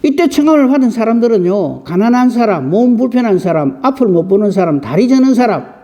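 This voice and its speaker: A woman's voice: a little high, a little fast. A woman preaches at a dawn service, her voice swinging widely up and down as she keeps turning questions on her listeners. Her words ring out with a long reverb through a church sanctuary. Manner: lively, asks the congregation many rhetorical questions. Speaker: pastor. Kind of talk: dawn prayer service sermon.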